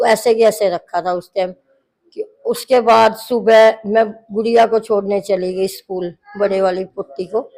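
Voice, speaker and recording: A woman's voice: mid-range voice, creaky, a little mellow, rough recording. A middle-aged woman with a mid-range voice recounts a family quarrel at length. She keeps quoting the words each person said, in a plain narrating way. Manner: long narration full of quoted dialogue. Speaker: interviewee, mother-in-law.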